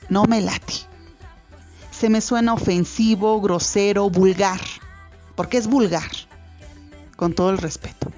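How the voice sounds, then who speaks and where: In a radio studio, a Mexican-accented woman hosts a casual monologue of advice for parents, earnest but rambling, full of fillers and restarts. Her pitch is fairly high and her tone darkish, with the highs cut off.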